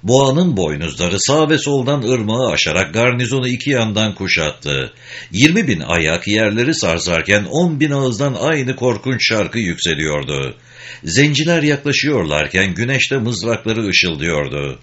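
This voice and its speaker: A man narrates a war story in a dramatic storybook reading. His low voice swings widely in pitch. The recording is dull and lo-fi. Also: big pitch swings, a little slow, a bit bright.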